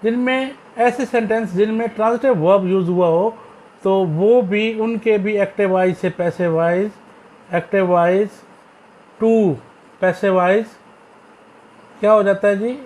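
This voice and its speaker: A man with a Pakistani accent teaching an English grammar lesson, speaking slowly and repeating key words as he checks whether his students are following. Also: sits high, darkish tone. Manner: slow, repetitive teaching with frequent "ji" checks; addresses students fondly, reads English text aloud.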